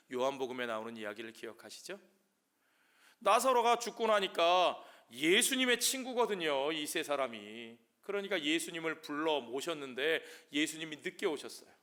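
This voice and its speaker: A male pastor preaching a sermon, briefly acting out the voices of the people he quotes, shouting some lines and hushing others. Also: mid-range voice.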